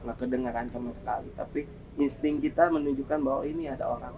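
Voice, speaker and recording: Man, ambulance driver guest, gravelly, earnest and measured, speaking in a podcast studio. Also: medium pitch, fairly even intonation, mellow, slight background noise, poor audio. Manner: earnest, measured, with many hesitations. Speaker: ambulance driver and relief volunteer. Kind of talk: telling stories in a podcast interview.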